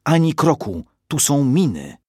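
A man's voice: lowish voice, lively intonation, takes it slowly, a little mellow, slightly rough, no room sound, clean studio sound, full character voice. A man voicing a worried but brave mother who talks protectively to her children in a storybook. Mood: alarmed. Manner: urgent, protective.

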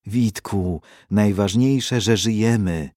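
A man's voice: fairly low pitch, slow, a little mellow, no echo, clean studio sound. A man voicing a worried but brave mother who talks protectively to her children in a storybook. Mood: gentle. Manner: urgent, protective.

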